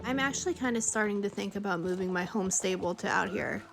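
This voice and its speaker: A woman with a sore, cold-stricken hoarse voice gives casual, opinionated commentary over a video game. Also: mid-range voice, fast talker. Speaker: gaming video creator. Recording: music behind the voice.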